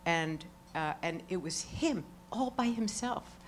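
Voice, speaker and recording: A middle-aged woman talking onstage at a live event, exuberant and profane, swinging from quiet remarks to loud exclamations and laughing often. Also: fairly low pitch, animated, slow pace, slight background noise. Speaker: award honoree speaking onstage. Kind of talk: lively onstage conversation with profanity.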